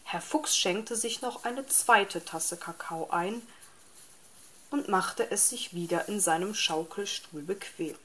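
A woman narrating a children's story in a calm, even storytelling manner. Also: mid-range voice, slow pace.

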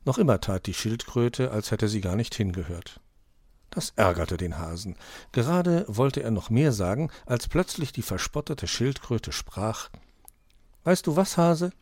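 A man reading a fable aloud in storybook narration, with expressive, varied intonation on a close mic. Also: on the low side, unhurried, dry recording. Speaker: reader.

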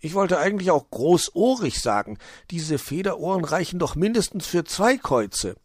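A man's voice: fairly high pitch, sing-song, no echo, clean studio sound, pitched above the performer's own voice. A man voicing a teasing, mocking male goblin in a storybook reading. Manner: teasing, quick-witted.

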